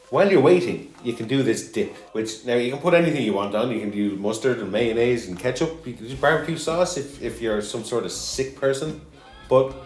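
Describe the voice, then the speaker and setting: A man's voice: on the low side, a little mellow, echoey room. A man hosting a casual cooking show, joking and rambling as he cooks.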